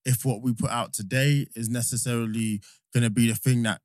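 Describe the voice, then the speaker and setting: A man's voice: mid-range voice, steady tone, fairly quick, a little mellow, dry recording. Young London man, dry close sound. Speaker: podcast host. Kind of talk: casual chat.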